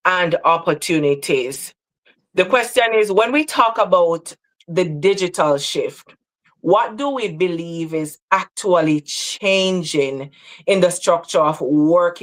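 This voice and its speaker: A woman from Jamaica hosting a livestream talk, speaking in an earnest, measured way. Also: on the low side. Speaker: host.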